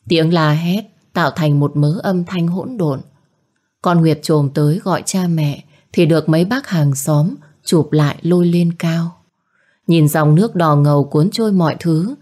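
Woman, storybook narrator, low and warm, lifts her voice for characters. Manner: voices characters by raising pitch for shouted lines. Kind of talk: scripted narration.

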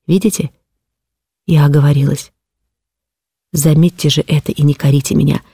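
Audiobook: woman playing desperate noblewoman, breathless indignation, warm dark timbre. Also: sits low, steady tone, moderate pace, husky, no room sound. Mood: impassioned. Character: distraught noblewoman defending her ward, impassioned. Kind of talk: audiobook character reading.

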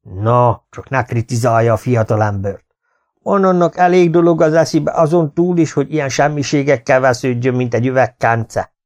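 A man doing a gruff, bossy old farmer. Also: mid-range voice, steady tone, darkish tone, lightly acted. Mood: grudging praise. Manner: growling, scolding, bossy. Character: gruff domineering older male farmer, towering. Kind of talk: audiobook character voice.

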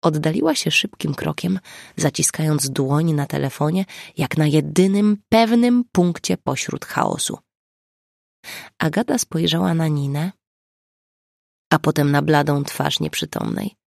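Brief: audiobook narrator, measured delivery, dry close-miked sound. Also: mid-range voice, vocal fry, dry recording. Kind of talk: scripted narration.

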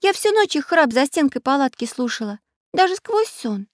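A woman voicing a timid little girl with a high, piping voice. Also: sing-song, moderate pace, no room sound, studio quality.

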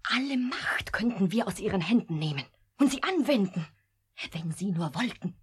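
In German radio drama, an actress plays a young artificial woman who is coldly logical yet anguished, solemn and very breathy, often nearly whispering. Her medium-pitched voice swings widely in pitch at a moderate pace.

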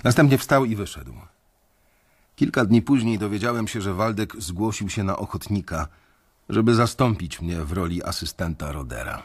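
In first-person radio drama narration, an actor portrays a disillusioned young male bank analyst and tells the story in a measured, reflective manner. His voice is fairly low in pitch and husky.

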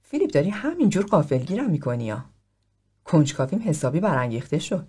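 A man reading the part of a sixty-five-year-old psychotherapist who speaks in a probing, gently direct way. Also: on the high side, sing-song, breathy edge. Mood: curious. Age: 60s.

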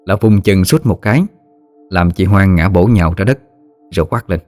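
A man narrating a horror story in a steady, measured way. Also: low voice, no room sound, faint music behind.

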